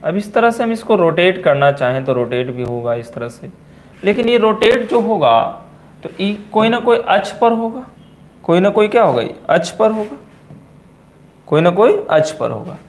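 A man with a Bihari accent teaching physics in a coaching classroom, repeating key terms slowly and asking and answering his own questions. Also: sits high, big pitch swings. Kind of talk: classroom lecture at a board.

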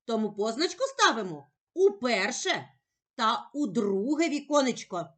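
A woman teacher speaking slowly and carefully in a sing-song voice, giving a reading lesson for young children. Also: a little high, very animated, fairly bright tone. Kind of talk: slow, clearly articulated children's reading lesson.

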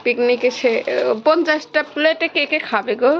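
Chatty high-voiced woman with Pabna accent. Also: moderate pace, dull audio, a little hiss or hum. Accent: Pabna Bengali. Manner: chatty, addresses viewers directly. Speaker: vlogger. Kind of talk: casual vlog tour in regional dialect. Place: home kitchen and yard at a picnic cooking.

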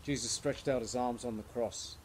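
Earnest man preaching a gentle devotional. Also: mid-range voice, steady tone, moderate pace, a little hiss or hum. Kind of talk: devotional Bible reading and prayer.

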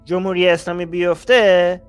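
Brief: male host, reaction commentary, blunt and exasperated, slightly high voice. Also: fairly even intonation, clear, resonant tone, faint music behind. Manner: blunt, exasperated, rising heat.

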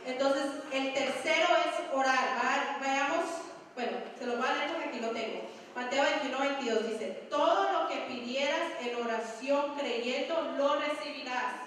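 A woman's voice: high-pitched, measured pace, a bit bright, slight background noise. A woman youth leader preaching a sermon, emphatic, acting out prayers in a pleading voice, recorded in a church hall. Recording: echoey hall recorded from far off.

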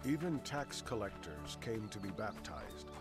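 A man narrating scripture as a solemn storyteller in a video game, measured and formal. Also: on the low side, very animated. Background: game music.

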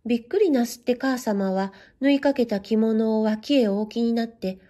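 A woman reading a children's story aloud in gentle, measured, old-fashioned storybook narration. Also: fairly high pitch.

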